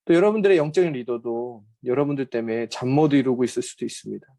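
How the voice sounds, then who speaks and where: A man gives a conversational Bible overview lecture, talking fast in a mid-range, dark voice with frequent hesitant fillers. He often acts out the speech he quotes.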